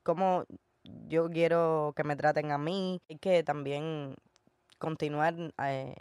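A woman's voice: low-pitched, fairly even intonation, slow, a little mellow, clean tone, no echo, studio quality. A woman with a Cuban Spanish accent in a conversational podcast, reflecting on her own experience. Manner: reflective, telling personal experience.

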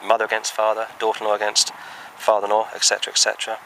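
A man's voice: lowish voice, completely flat delivery, rapid-fire, gravelly, sharp tone, slight background noise, rough recording. A man preaching a sermon outdoors, earnest and emphatic, reading from the Bible between points.

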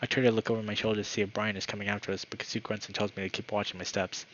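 A man's voice: fairly low pitch, flat delivery, racing, fairly bright tone, highs cut off, slight background noise. A man reading a visual novel aloud for his channel, narrating dramatically with the odd casual aside. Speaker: gaming YouTuber.

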